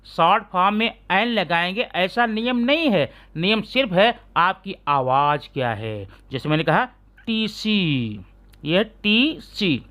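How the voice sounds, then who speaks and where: A man teaching English grammar in a classroom-style lesson, sounding out letters slowly and often asking his students if they follow. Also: sits high, lively intonation, sharp tone. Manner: keeps asking students rhetorical check questions.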